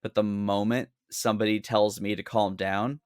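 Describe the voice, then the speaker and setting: A man's voice: on the low side, level tone, moderate pace, clean tone, no room sound, studio quality. A man co-hosting a casual podcast, blunt and sarcastic, swearing freely. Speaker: podcast co-host.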